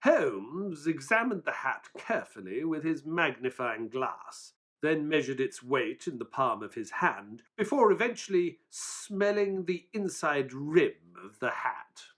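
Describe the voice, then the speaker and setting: An actor playing a mild, earnest Victorian doctor and storyteller in an audio drama, polite and measured. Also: male voice, fairly high pitch, lively intonation, a bit bright. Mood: measured narrating. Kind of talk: audio drama acting and narration.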